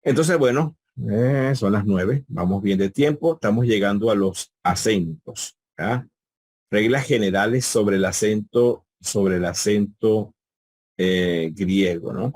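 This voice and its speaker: A male teacher gives a live class over a video call in a low, slightly husky voice. He repeats key words patiently and throws questions to his students. The sound is dry and close. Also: takes it slowly, darkish tone, no room sound. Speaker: Greek teacher.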